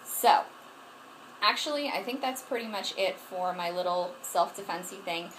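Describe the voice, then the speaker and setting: A woman's voice: medium pitch, normal speed, fairly bright tone, a little hiss or hum, poor audio. A woman giving self-defense tips to her camera at home in a frank, earnest way, often restarting herself. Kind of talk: casual instructional talk to camera. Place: at home, moving around in front of the camera. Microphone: camera mic, distance changing as she moves.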